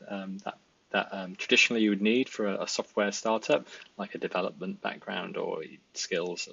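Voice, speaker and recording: In a muffled recording, a Welsh man in his thirties talks about himself at his home desk in a casual intro vlog. He's a designer and part-time founder whose low, slightly bright voice carries vocal fry, and his rambling is full of fillers and restarts.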